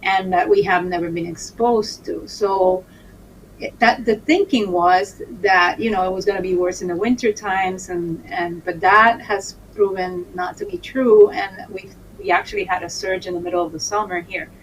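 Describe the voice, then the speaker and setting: A woman from Colombia, answering interview questions as a doctor, halting with many fillers and restarts. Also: medium pitch. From Caribbean Colombia. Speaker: infectious disease doctor, guest. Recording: distant mic with faint noise.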